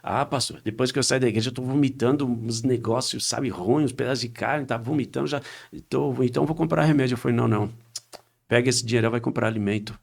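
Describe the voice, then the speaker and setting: Gravelly-voiced pastor telling a testimony. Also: male voice, quick pace. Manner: animated retelling with quoted dialogue, rising pitch when excited. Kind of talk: storytelling a testimony on a podcast.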